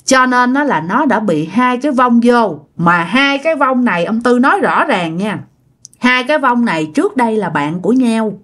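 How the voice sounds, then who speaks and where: A woman's voice: on the high side, a bit bright. Woman telling a ghost story, chatty, talks to listeners, voice bounces up and down a lot. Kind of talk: casual spoken ghost story.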